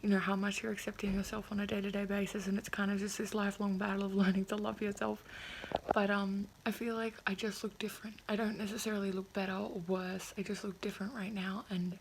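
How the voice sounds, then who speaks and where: 20s girl vlogging w a sore puffy jaw, lots of vocal fry, kinda hesitant and rambly, bit of bg noise. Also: mid-range voice, flat delivery, fast talker, poor audio. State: recovering from jaw surgery, sore puffy mouth with slightly impeded speech. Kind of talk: casual reflective video diary.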